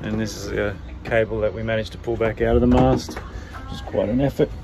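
Over music, a man with a lowish, gravelly voice narrates his sailing vlog briskly and steadily, sounding tired, wry and matter-of-fact. Filmed close up on a handheld camera on his sailboat in an outdoor marina, the audio picks up wind and ambient noise.

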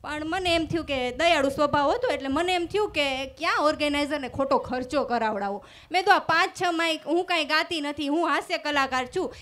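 A woman's voice: extremely high pitch, bright, forceful tone. A woman doing stand-up comedy on stage into a microphone, telling stories with acted-out dialogue and punchlines. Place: stage before a live audience.

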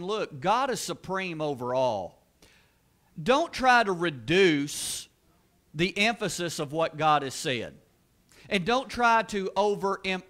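In a church sanctuary, a pastor with a high, light voice delivers an earnest, emphatic sermon. He repeats key words and pushes his voice higher and louder at the peaks, with rising exclamations.

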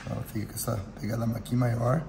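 This middle-aged man, an airsoft shop product reviewer with a Brazilian accent, has a thin, cracked, reedy voice of medium pitch that sounds creaky, and he talks fast with a flat delivery. He gives an informal, explanatory product demonstration full of tag questions inside the shop and its small range room, where the recording picks up roomy echo and faint background noise.

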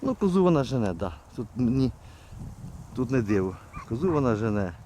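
A man filming his hunt with hounds in fields and woods, giving a hushed, muttered running commentary to viewers on a handheld camera and calling to his dogs. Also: medium pitch, big pitch swings, moderate pace, slight background noise. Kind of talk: live outdoor hunting commentary to viewers.

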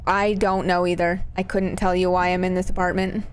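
A woman's voice: on the low side, level tone, fairly quick, a little hiss or hum. A woman streamer giving casual live commentary on a horror game, nervous and scared, with playful, sweary reactions. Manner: sweary, exclamatory; playful, jokey asides.

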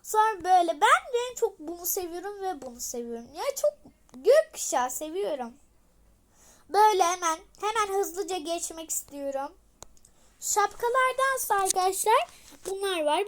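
A young girl hosting a casual game showcase vlog, chatty and rambling with many fillers, talking loudly so she can be heard. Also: very high voice, lively intonation, moderate pace. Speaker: channel host.

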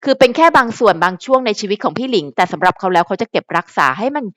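A woman's voice: medium pitch, animated, racing, fairly bright tone, dry recording, clean studio sound. A young woman chatting casually to her viewers as a fan vlogger, calling herself by her nickname and thinking aloud as she goes. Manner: talks to viewers directly, musing aloud. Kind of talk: casual chat.

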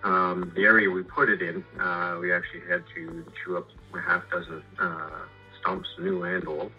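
Over a muffled phone call with music in the background, a middle-aged Canadian man, a homeowner and sawmill customer, chats casually and haltingly about his projects. He rambles and repeats words in a low-pitched, flat delivery.

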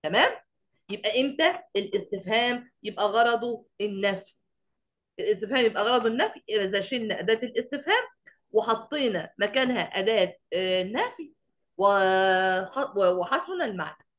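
A woman teacher with an Egyptian Arabic accent gives an online class lecture. She keeps quizzing the class and recites verses slowly. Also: medium pitch, animated, a bit bright.

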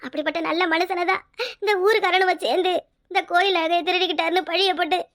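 A woman puts on an emotional older village mother for a cartoon, who pleads and scolds. Her voice is strikingly high and bright, and her words come out fast. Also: steady tone. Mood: grieving. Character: worried, tearful older village mother and sister. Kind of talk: cartoon voice acting.

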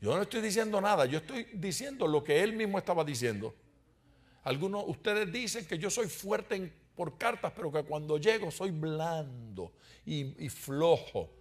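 A man's voice: a little high, lively intonation, moderate pace. A man teaching a Bible study in sermon style, asking the congregation rhetorical questions and adding humorous asides. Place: church.

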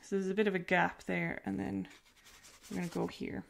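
A woman's voice: fairly low pitch, flat delivery, normal speed, gravelly. A woman with a rural Irish accent chatting casually and self-deprecatingly while she paints on a livestream, with lots of filler words. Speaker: artist hosting a painting livestream.

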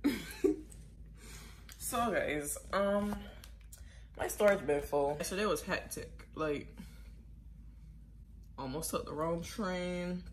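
A woman's voice: on the low side, slow pace, pauses often, slight background noise. A young woman in casual vlog chat, talking upbeat and loose with lots of fillers into a phone camera in her apartment. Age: young adult. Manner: chatty, filler-heavy, upbeat. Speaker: vlogger. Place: small apartment indoors. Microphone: phone camera at arm's length.

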